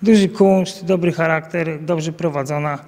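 His voice is a little high and mellow, unhurried and fairly even, with a large-hall sound. He is a national team coach in his thirties, interviewed outdoors by a banner at an event via a handheld mic the interviewer holds, answering with many fillers and restarts.

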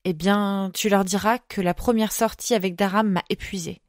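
A shy young woman in love, voiced by a woman reading aloud, murmuring and hesitant. Soft, close and dry. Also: medium pitch, fairly even intonation, normal speed, dry recording, close to an everyday voice. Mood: gentle.

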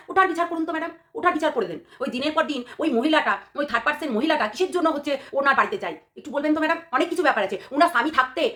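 Hoarse woman vlogger, high voice, rapid scolding rant full of sarcastic questions. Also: pushed and bright. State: hoarse from a cold. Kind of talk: ranting commentary to camera.

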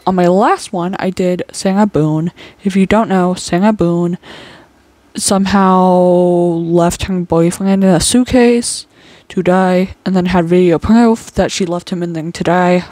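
Here a woman's fairly low, darkish voice comes through with no echo. Reacting to a true crime video, she keeps things casual and silly, her speech impediment turning every R into a W.

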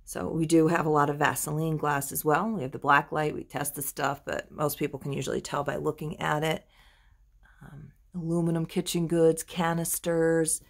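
A woman's voice: low voice, flat delivery, moderate pace, gravelly. A woman giving a chatty phone-filmed tour of an antique shop, admiring the items as she goes. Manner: chatty, admiring, drifts softer and louder as she pans. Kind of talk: casual walkthrough narration. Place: indoors in a crowded antique shop.

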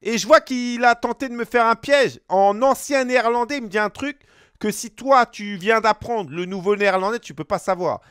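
A man's voice: very high voice, normal speed, a bit bright, clean tone, dry recording. A young man, a gaming streamer, spinning a rambling tall tale with slang and mouth sound effects into a close desk mic. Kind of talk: rambling tall tale during a game pack opening.

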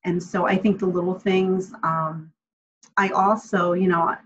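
A woman with a low, husky voice answers questions on a video call from her home, friendly and reflective, pausing on little ums. The webcam audio is a bit muffled and dull. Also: little pitch movement. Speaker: guest speaker. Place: home room, indoors.

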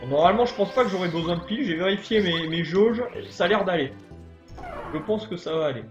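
A chatty man streaming a video game, rambling and greeting viewers as he plays. His voice sits fairly high, and it comes across echoey and a bit lo-fi, as if recorded in an untreated room. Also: fast, over music. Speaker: let's play streamer. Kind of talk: casual live game commentary.

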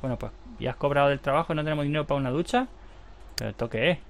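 A man's voice: fairly high pitch, very fast, creaky, background noise. A man giving casual gameplay commentary, chatty and mocking as he talks to the characters on screen.

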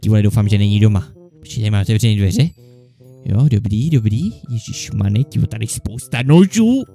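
Faint music plays under this gaming YouTuber's fairly low, animated, mellow voice. Playing through a comedic Minecraft parody, he jumps between two quarreling sidekick characters in panicky, jittery banter peppered with mild swearing.

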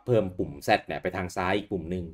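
A man co-hosting a podcast, chatting casually about old video games with a relaxed manner and easy swearing. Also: low voice, rapid-fire. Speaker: podcast co-host.

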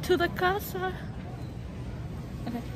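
A woman's voice: very high voice, animated, slow. A young woman talking through a face mask while vlogging casually inside a store, chatting and slipping into Spanish phrases. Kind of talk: casual vlog chat. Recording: noisy store background.

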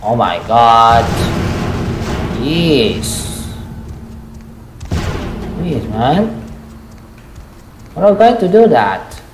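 Male streamer, slow exclamatory commentary, roomy home room. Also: mid-range voice, very animated, a little hiss or hum. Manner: exclamatory, rambling. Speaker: gaming streamer. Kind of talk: casual live-stream commentary.

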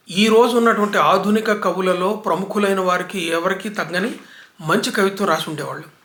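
A man gives an unhurried, lecture-style talk as a literary commentator, stacking up one example after another. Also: high-pitched, sharp tone. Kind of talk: reflective book talk. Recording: echoey room.

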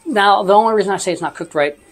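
A vlogger from Texas giving a casual food review as a voice-over, relaxed and slipping in wry asides. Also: medium pitch, quick pace, soft background music. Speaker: theme park food reviewer.

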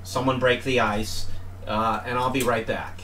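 A man's voice: mid-range voice, level tone, a little slow, fairly bright tone. A middle-aged man live-streaming a game from home, chatting casually and self-deprecatingly with his viewers. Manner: rambling, self-deprecating, joking with chat. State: winded from climbing stairs. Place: home room. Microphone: headphones with desk mic, off-mic at times. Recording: voice sometimes distant from mic, faint room noise.

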